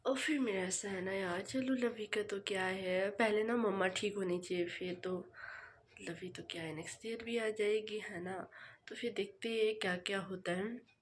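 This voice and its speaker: A woman's voice: medium pitch, fairly even intonation, husky. Rambling young woman vlogger, tired. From Himachal Pradesh, India. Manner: fast, rambling, with many fillers. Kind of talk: casual vlog chat. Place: home.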